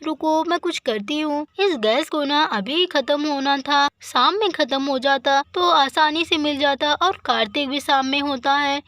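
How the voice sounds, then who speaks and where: A fussy, kind village aunt, voiced by a woman in a doll story, talking in a high, bright, motherly way. The sound is close and dry. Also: no room sound. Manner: soothing, fussing, motherly.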